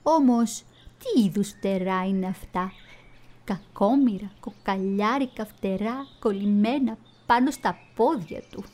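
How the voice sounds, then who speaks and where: A woman's voice: mid-range voice, a little mellow, close to an everyday voice. A woman voicing a critical male robin who sneers at what he sees. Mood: disdainful.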